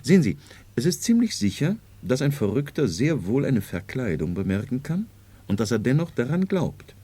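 A calm, learned doctor in a 1970s radio drama. His husky, mellow voice moves up and down lively as he lectures. He explains everything with patient self-assurance. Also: medium pitch, normal speed, dry recording. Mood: lecturing.

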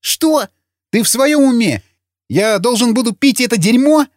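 A man's voice: lively intonation, measured pace, dry recording, studio quality. A man voicing a panicky, foul-mouthed wounded young man who cries out in frantic bursts. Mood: panicked. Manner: shrill, frantic, cursing.

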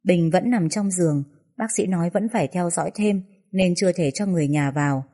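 Woman, storyteller, first-person sad tale, mellow, breathy, lowish voice. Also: a little fast. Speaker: narrator.

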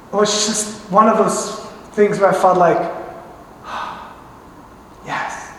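A man preaching a sermon as pastor, telling a family story with halting restarts. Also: fairly high pitch, fairly bright tone, slight background noise. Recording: echoey hall reverb.

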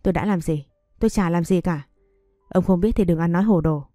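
A woman's voice: lowish voice, fairly quick, mellow, no echo, studio quality, faint music behind, natural voice. A woman reading the lines of a cold, defiant young man in an audio story, speaking curtly. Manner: curt, defiant.

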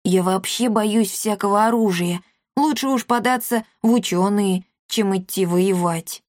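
A timid, inventive orphan boy speaks quietly and secretively, as a woman reader puts him on. It is a storybook reading with a dry, close sound. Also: mid-range voice, measured pace, no room sound, natural voice. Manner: hushed, conspiratorial.

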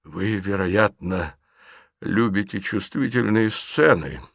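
A man's voice: on the low side, animated, slow, creaky, a bit bright, no echo, clean studio sound, full character voice. A man voicing a stern, tormented nobleman who speaks with cold, restrained bitterness. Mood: bitter.

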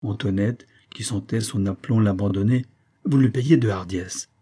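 Husky male audiobook narrator, dark tone, measured reading. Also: lowish voice.

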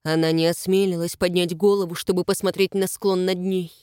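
A woman narrating an audiobook in an even, measured reading. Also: on the low side, clean tone, dry recording, clean studio sound. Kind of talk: scripted narration.

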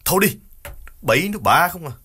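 A man's voice: on the low side, moderate pace. A male narrator voicing an irritated older brother who scolds and snaps impatiently. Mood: irritated, scolding. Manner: sharp, scolding, snapping.

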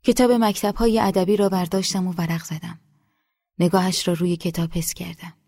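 A woman narrates a literary audiobook in a calm, measured voice. Her tone is low, dark and slightly husky. The recording is close and dry. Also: dry recording.

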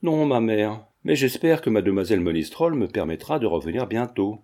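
A man's voice: on the low side, expressive, fairly quick, mellow, lightly acted. A man reading as an eager, devoted young man. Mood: cold.

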